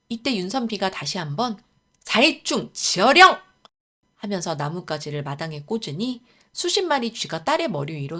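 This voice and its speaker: Woman, storyteller, scripted folktale narration, calm, lively pitch.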